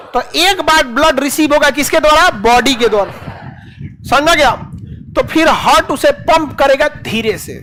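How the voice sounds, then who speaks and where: Male teacher, sharp and forceful tone, playful call-and-response lecturing. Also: extremely high pitch, measured pace. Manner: quizzing the class with constant questions, folksy and playful.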